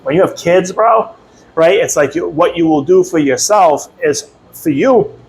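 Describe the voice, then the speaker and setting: A man's voice: a little high, measured pace, vocal fry, a little mellow, low-quality recording. Slangy man hosting a podcast. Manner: loose slangy talk, says bro and dude a lot. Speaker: podcast host. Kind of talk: casual podcast conversation.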